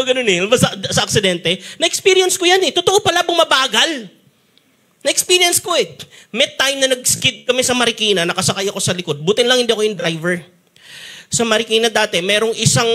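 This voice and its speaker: A man with a Filipino accent preaching a sermon as pastor, telling stories with acted-out sounds and frequent laughter. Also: very high-pitched. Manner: animated storytelling, acts out sounds and quotes, laughs often. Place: church stage.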